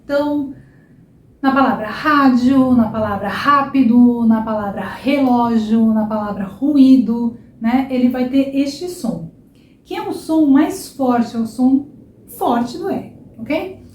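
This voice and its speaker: A young woman from São Paulo with a Paulista Brazilian accent teaches pronunciation to her online students. Her voice sits a little high but sounds mellow rather than bright. She explains patiently and keeps checking in with her listeners, recorded in an echoey room with a faint hiss behind her. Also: measured pace. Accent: São Paulo Brazilian Portuguese. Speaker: Portuguese teacher. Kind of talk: online language lesson.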